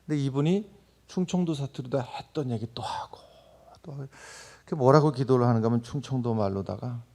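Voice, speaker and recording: A male pastor preaching a sermon, telling a story with loud exclamations and quiet asides. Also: brisk. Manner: animated storytelling, swings between loud exclamations and low asides.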